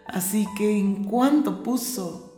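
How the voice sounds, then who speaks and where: A woman narrating a soothing bedtime story, slow and gentle, with dramatic rises. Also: mid-range voice. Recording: roomy with background music.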